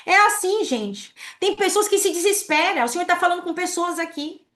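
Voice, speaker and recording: A woman pastor preaching a sermon, animated and acting out prayers as she teaches. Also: very high-pitched, fairly quick.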